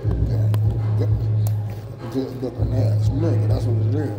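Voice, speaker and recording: A man's voice: medium pitch, steady tone, a little slow, echoey room. A man reviewing food in a casual, slangy vlog, talking while chewing with his mouth full. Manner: slangy, exclaiming. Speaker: food vlogger.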